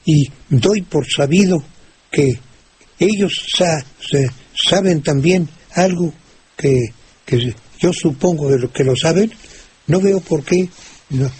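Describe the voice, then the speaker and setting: An older man with a Mexican Spanish accent, explaining word usage on a radio call-in show, slowly, with many restarts and fillers. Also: fairly high pitch, darkish tone. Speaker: language expert answering listener questions. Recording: old radio recording with faint hiss.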